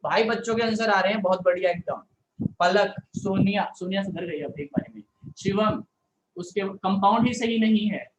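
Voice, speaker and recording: A man's voice: high voice, normal speed, echoey room, background noise. Scolding, joking male science teacher. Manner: scolding, playful teacher banter; repeats filler "yaar" often. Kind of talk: live online class lecture.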